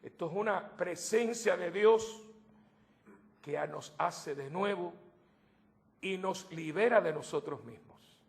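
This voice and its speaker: A priest giving a sermon to his congregation, animated, with joking asides and swings between loud outbursts and soft low remarks. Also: slow pace, creaky, long pauses.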